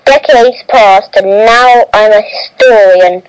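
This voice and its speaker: Slow, halting woman storyteller. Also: medium pitch, clear, resonant tone, no echo, rough recording. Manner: halting reading with frequent restarts and self-corrections. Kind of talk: reading a first-person adventure story aloud.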